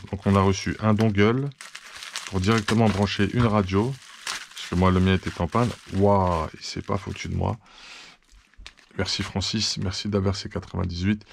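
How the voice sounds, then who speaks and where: Man host, deep flat gravelly voice, chatty thankful unboxing talk. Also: noisy background. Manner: chatty, thankful, many fillers and restarts. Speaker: RC hobby channel host. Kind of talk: casual unboxing chat.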